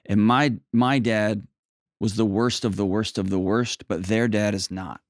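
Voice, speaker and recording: A man's voice: lowish voice, fairly even intonation, a little slow, dry recording, clean studio sound. A man counseling a caller as host of an advice show, in a conversational, plain-spoken and emphatic way with folksy turns of phrase. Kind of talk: conversational coaching.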